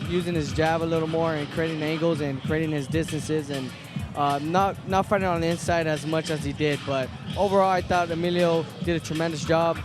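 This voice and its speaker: A man giving unscripted boxing analysis in halting, repetitive phrases. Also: on the high side.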